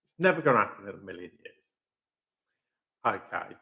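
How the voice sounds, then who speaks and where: A man's voice: on the low side, fairly quick, gravelly. Guy hosting a live stream, chatty, voice goes up and down loads. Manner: chatty, lively, repeats "okay" often. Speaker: host of a live stream channel. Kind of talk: casual football opinion talk.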